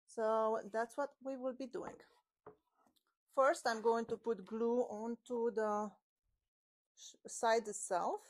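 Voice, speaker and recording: Her voice on the high side and her intonation fairly even, a woodworking channel host in her forties talks slowly with long pauses, chatting through each tutorial step while working with her hands. A small clip-on mic on her shirt records her in a home woodworking shop with its garage door open.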